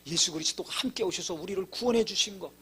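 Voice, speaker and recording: A man's voice: high voice, fast talker, bright, forceful tone, slightly rough. A man preaching a sermon as pastor, telling a personal story with emphatic rises and acted-out dialogue. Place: church sanctuary.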